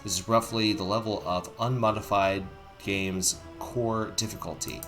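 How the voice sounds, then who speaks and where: Guy doing casual gaming commentary, lowish voice, thinking out loud, faint music behind. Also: steady tone, unhurried. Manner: rambling, thinking aloud. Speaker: gaming video host.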